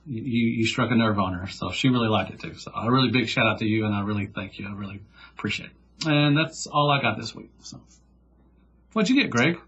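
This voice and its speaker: A husky-voiced man chats on a podcast over a dull, lo-fi recording. He is enthusiastic and gushing, and he circles back over his own points. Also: on the low side, expressive, a little fast, fairly bright tone. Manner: enthusiastic, gushing, repeats himself. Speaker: podcast co-host. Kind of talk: casual chat.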